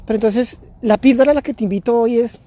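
Hosting a parenting podcast from outdoors in a neighborhood, this man has an extremely high, mellow voice and a quick pace. His delivery is relaxed and thoughtful, with lots of repeats and restarts.

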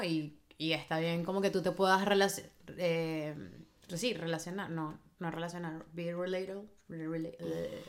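A woman tells personal stories on a podcast. Her delivery is casual and self-mocking, with laughter never far off. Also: medium pitch. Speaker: podcast co-host. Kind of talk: casual storytelling.

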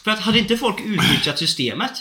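A man's voice: high-pitched, very animated, noisy background. A young man chatting casually, telling a story with lots of swearing and acted-out phone calls. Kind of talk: casual chat. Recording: roomy echo.

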